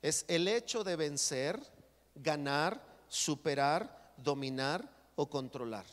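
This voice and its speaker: High-voiced preaching man in a reverberant hall. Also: takes it slowly. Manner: animated preaching, acting out complaining church members. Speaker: pastor. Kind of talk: sermon. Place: church sanctuary. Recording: long church hall reverb.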